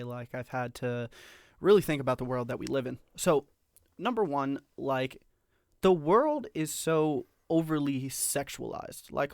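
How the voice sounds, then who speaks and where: Brief: man, podcast co-host, mid pitch, dry close sound, reflective and opinionated. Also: clean tone, dry recording. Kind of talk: casual chat.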